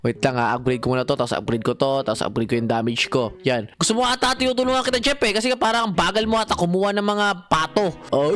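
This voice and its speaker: A young man giving excited gameplay commentary, talking to viewers and his in-game pet with frequent shouts. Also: fairly high pitch. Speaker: gaming channel host.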